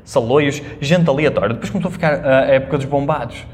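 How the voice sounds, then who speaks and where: A man's voice: mid-range voice, fast, a little mellow. A man with a European Portuguese accent chatting casually, emphatically repeating himself. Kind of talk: casual conversation. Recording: reverberant room with faint noise.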